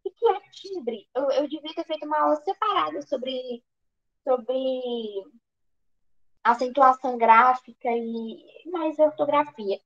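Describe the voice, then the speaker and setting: Speaking slowly in a voice that sits high, a Brazilian-accented woman runs an online grammar class as an exam prep tutor. She keeps asking questions only to answer them herself, frequently starting over, and the sound is lo-fi.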